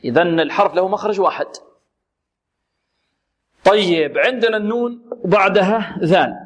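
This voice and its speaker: A male Quran recitation teacher gives a radio lesson in a slightly high voice. He poses questions and answers them himself. He repeats and stretches words slowly to demonstrate how each letter should sound. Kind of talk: tajweed lesson on an Islamic radio program.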